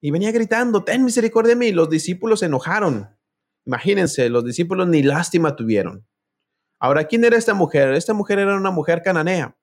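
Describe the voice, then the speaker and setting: Male preacher, slightly high voice, storytelling sermon that speaks right to the listeners. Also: sing-song, fast. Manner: storytelling, addresses listeners directly; reads scripture aloud.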